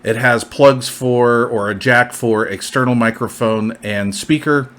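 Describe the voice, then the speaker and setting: A male product reviewer with a medium-pitched, slightly bright voice presents gear in an informal, plainspoken way. He speaks unhurriedly with fairly even intonation, walking through features and partly listing them in a casual overview.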